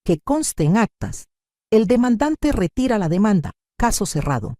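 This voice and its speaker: A woman storyteller voicing a stern male judge in court, speaking in a formal, measured way. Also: sits high, sing-song, warm tone, no room sound, clean studio sound, voice pushed up.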